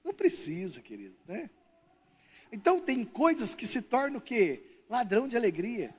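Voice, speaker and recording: A Brazilian pastor with a Brazilian Portuguese accent preaches in a church hall, its long reverb filling the recording. His very high, slightly rough voice swoops wildly in pitch at a moderate pace as he tells funny stories and acts out their characters.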